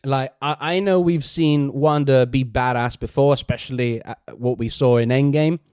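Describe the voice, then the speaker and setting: A man co-hosting a casual review podcast, animated and laughing as he acts out quotes. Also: mid-range voice, moderate pace, clear, resonant tone, no echo, studio quality. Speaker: podcast host.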